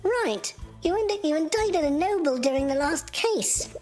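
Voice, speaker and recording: Celeste, a man doing a high voice-changed girl. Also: animated, measured pace, darkish tone, soft background music. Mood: wondering.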